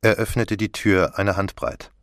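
A man reading an audiobook as narrator, in calm, even scripted narration. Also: on the low side, a little slow, no echo, studio quality. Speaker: audiobook reader.

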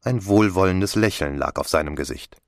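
A male audiobook narrator reading in a calm, even storytelling voice. His voice sits low, and the close recording is dry with no room sound. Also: moderate pace, no echo. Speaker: audiobook reader. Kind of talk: scripted narration.

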